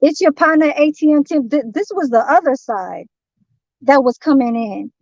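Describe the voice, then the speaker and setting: Speaking at normal speed in a high, expressive voice with a darkish tone, a woman from San Francisco rants confrontationally on a livestream, swearing all the while and rambling. The dull lo-fi stream audio is dry, without echo.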